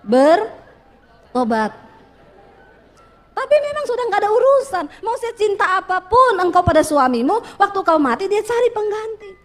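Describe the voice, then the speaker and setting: A woman's voice: extremely high pitch, animated, brisk, hardly any pauses, a bit bright, soft background music. A woman pastor preaching a sermon, telling stories with quoted voices and asking the congregation questions.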